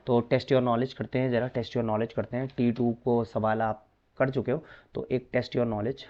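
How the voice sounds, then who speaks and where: A man's voice: mid-range voice, little pitch movement, brisk, dull audio. A man teaching a maths lesson in a chatty, coaxing way, often addressing students as brother.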